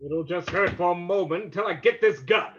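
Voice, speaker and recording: A man's voice: high voice, moderate pace, fairly bright tone, dull audio. A man playing a mysterious, mocking, commanding avenger in ominous, theatrical old-time radio style. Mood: menacing.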